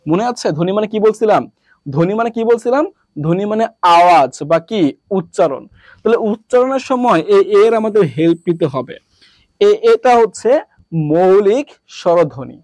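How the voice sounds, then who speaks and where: High-voiced man drilling a lesson. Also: darkish tone, no room sound. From Bangladesh. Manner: asks questions and answers them himself in a lower voice; repetitive, drilling. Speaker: teacher. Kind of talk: classroom lesson.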